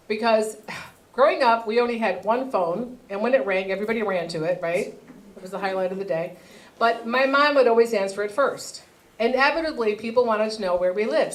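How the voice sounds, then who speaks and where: A woman doing a stand-up comedy set on stage, telling animated stories and acting out her family. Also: a little high. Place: comedy theater stage with audience.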